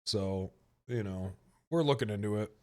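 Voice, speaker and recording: A man's voice: on the low side, normal speed. A man in his thirties hosting a casual podcast chat, joking and swearing, often restarting his sentences. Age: 30s. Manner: joking, profane, rambling with restarts. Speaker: podcast host.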